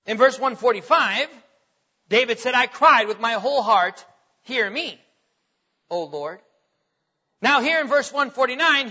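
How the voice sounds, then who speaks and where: Man, preacher, very high voice, emphatic drawn-out delivery, long hall reverb, dull lo-fi recording. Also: breathy edge. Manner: emphatic, drawn-out preaching that swings from loud to quiet. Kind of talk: sermon with scripture reading. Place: church sanctuary.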